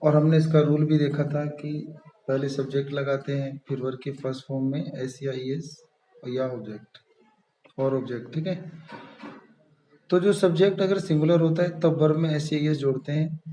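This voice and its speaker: A man's voice: a little high, mellow, roomy sound, muffled recording. A man teaching English grammar step by step, patiently repeating key terms and checking in often. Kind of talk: step-by-step classroom explanation.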